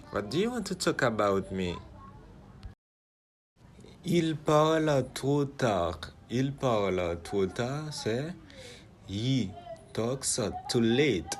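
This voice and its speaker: A man of middling pitch teaches verb conjugations, stepping through each form slowly and repeating it. He keeps checking that the listener is following. A faint hum sits under the voice. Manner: slow, repetitive drilling, asks "Ok?" often. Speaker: English teacher. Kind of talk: conjugation lesson with repetition.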